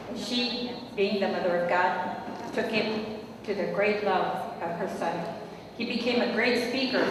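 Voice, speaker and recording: An older woman giving an earnest, heartfelt speech at a memorial dinner, repeating phrases for emphasis, recorded from far off in a large hall. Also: medium pitch. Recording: echoey hall from far off, with noise.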